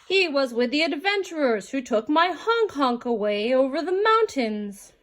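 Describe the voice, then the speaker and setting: A woman as a high-voiced, matter-of-fact hill troll. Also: very animated, moderate pace. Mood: cautioning. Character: hill troll neighbour, plain and cautioning.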